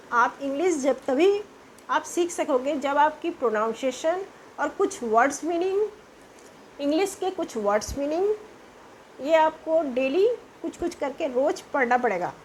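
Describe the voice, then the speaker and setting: A woman with a high voice, recorded with a little hiss or hum, teaches English pronunciation. She spells words out slowly letter by letter and puts questions to the class.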